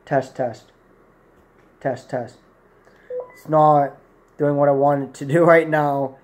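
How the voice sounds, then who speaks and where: Slow and steady, the slightly high, somewhat mellow voice belongs to a man in his 20s reviewing a product without a script. He chats to the camera in a plain room indoors, rambling and fixing his own words along the way.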